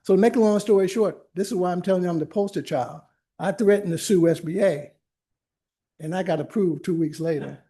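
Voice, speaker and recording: This is a high, husky, warm male voice moving at a fairly quick clip. The speaker, an older attorney and workshop presenter, gives a relaxed library-room lecture packed with personal anecdotes, frequently starting over and slipping in side remarks.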